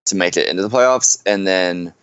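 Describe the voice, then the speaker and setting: A man co-hosting a casual podcast chat, explaining things in a measured way and often saying "you know". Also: deep voice, a bit bright, clean tone, dry recording, dull audio. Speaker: fantasy football podcast co-host.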